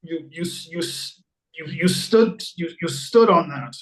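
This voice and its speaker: Man, interviewer, very high voice, eager, emphatic, stammering. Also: expressive, a little slow, rough recording. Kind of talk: casual interview.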